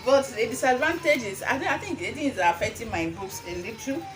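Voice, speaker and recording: A woman's voice: fairly high pitch, animated, brisk, slight background noise. A young adult woman with a Nigerian accent gives an informal how-to demonstration, slipping into Pidgin phrasing and repeating phrases for emphasis. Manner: slips between English and Pidgin phrasing. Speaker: herbal remedy seller and vlogger.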